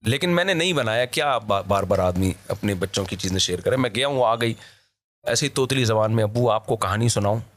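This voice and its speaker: A man from Pakistan, a vlogger, talking in a casual discussion as an animated, emphatic storyteller who laughs often. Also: fairly low pitch, fairly quick.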